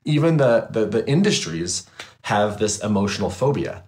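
Animated man talking trauma work. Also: lowish voice, moderate pace. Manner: animated, emphatic, loose and swearing. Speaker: trauma therapist, guest. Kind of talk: casual interview chat.

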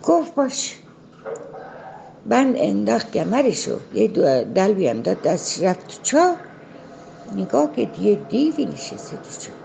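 A woman's voice: medium pitch, big pitch swings, vocal fry, dark tone, a little hiss or hum, low-quality recording. A woman telling a folktale in a conversational way, stopping for side remarks to the listener. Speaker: storyteller.

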